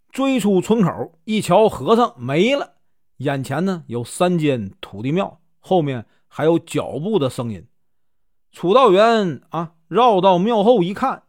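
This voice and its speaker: A man from Northeast China telling a folk tale as a casual storyteller, lively and animated. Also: fairly high pitch, no echo, clean studio sound.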